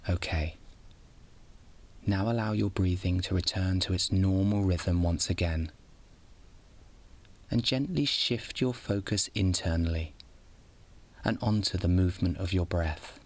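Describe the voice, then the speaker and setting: This bedtime meditation is guided by a low-voiced man who sounds like a sleep story narrator. He keeps his tone soothing and delivers each instruction slowly and calmly.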